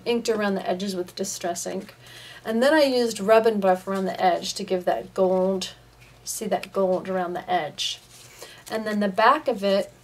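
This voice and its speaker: A woman with a medium-pitched voice casually shows viewers her handmade paper crafts, chatting loosely with lots of ums. The camera points at her hands rather than her face, so the mic sounds distant, with slight background noise.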